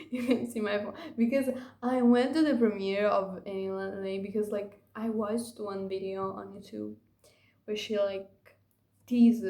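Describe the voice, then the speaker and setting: A young woman with a mellow, mid-range voice vlogs casually to camera in an echoey room. It's a confessional-style vlog full of rambling, gushing and plenty of fillers.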